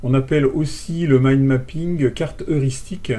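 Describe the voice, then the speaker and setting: Male instructor for a recorded online lesson: warm, mellow voice with a hesitant, filler-heavy delivery. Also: medium pitch, steady tone, normal speed. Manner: hesitant, many fillers and restarts.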